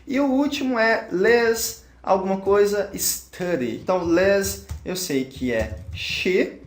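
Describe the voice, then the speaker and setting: A man's voice: high-pitched, animated, takes it slowly, roomy sound. A man with a Brazilian Portuguese accent, an English teacher working through a grammar exercise aloud and checking each answer.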